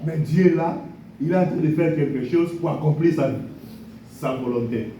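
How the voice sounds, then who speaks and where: A pastor with a slightly high, warm voice preaches at normal speed, repeating blessings and key phrases as the congregation responds with amens. The church hall recording is echoey and far off, with a little hiss or hum.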